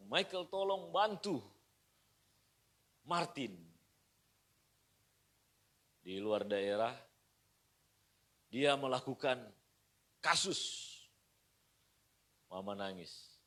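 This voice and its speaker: A middle-aged man from Indonesia preaching a sermon as pastor at home, moving from quiet asides to shouted praise. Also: medium pitch. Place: pastor's house.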